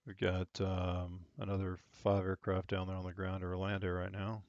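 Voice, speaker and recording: A man's voice: sits low, completely flat delivery, moderate pace, darkish tone, dry recording, muffled recording. A man working as a virtual air traffic controller, switching between procedural air traffic control radio calls and casual explanation. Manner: procedural phrasing, spelled-out digits and call signs.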